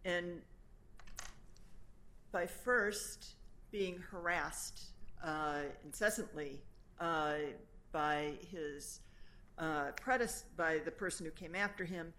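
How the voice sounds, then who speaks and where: A woman attorney presenting a formal oral argument to an appellate court, earnest, pausing with fillers as she builds her points. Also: on the low side, pushed and bright.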